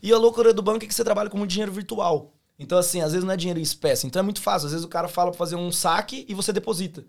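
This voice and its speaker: A quick, high-pitched Brazilian man in his thirties spins lively, slangy stories as a podcast guest. His voice has a gravelly fry, and he keeps restarting his sentences. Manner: animated storyteller, slangy, frequent restarts. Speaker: podcast guest, former bank teller. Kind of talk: casual chat.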